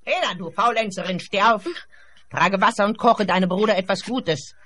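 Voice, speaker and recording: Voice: medium pitch, moderate pace, a bit bright, natural voice. An actor playing a wicked old child-eating witch in a radio play, cackling, sneering and barking orders. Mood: bossy.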